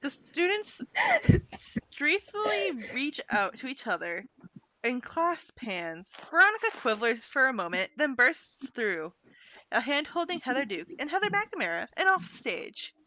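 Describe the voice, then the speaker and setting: A woman narrating stage directions in a table read of a screenplay, with quick lively asides. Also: sits high, slight background noise, poor audio.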